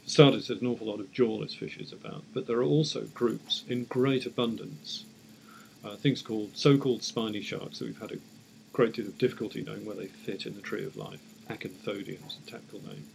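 A man speaking as an academic expert in an interview, explaining off the cuff in measured, hesitant short phrases. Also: on the low side, fairly even intonation, vocal fry, a little hiss or hum, rough recording. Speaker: academic paleontologist, interview guest.

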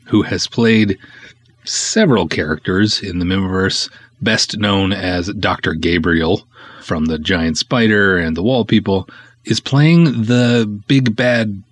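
A low, husky male voice, recorded without echo, belongs to a filmmaker hosting his own podcast. He's a writer-director giving a casual solo update, chatty and enthusiastic, and he leans hard on certain words.

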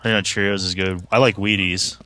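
Young male podcast co-host, relaxed and rambling, low bright voice. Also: fairly quick, slight background noise. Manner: laid-back, profane, rambling. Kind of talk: casual chat.

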